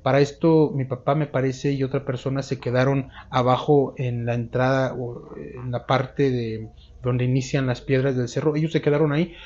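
A man in his thirties with a Mexican accent, recounting a memory in an interview with a lapel mic, in a drawn-out storytelling way. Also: mid-range voice, fairly even intonation, a little mellow, muffled recording. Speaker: eyewitness interviewee. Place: dark room, seated.

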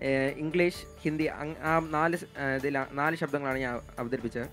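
A man's voice: fairly high pitch, moderate pace, over music. A teenage boy from Kerala answering an interviewer's questions, hesitant, with many fillers and restarts, his voice a bit blocked. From Kerala, India. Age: teens. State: voice feels blocked. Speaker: interview guest, mimicry artist.

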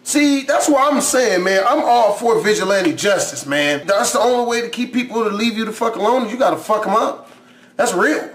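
A man with a very high voice gives profane, incredulous reactions to a video. He swears and mocks as he talks, and his voice bounces around an echoey room. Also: expressive, normal speed, a little hiss or hum. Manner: loud, incredulous, swearing, mocking. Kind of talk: profane casual reaction commentary.

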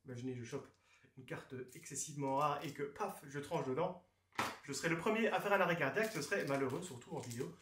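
A man's voice: a little high, a bit bright. A man hosting a card game channel, giving a casual unboxing commentary full of playful, jokey asides. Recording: echoey room.

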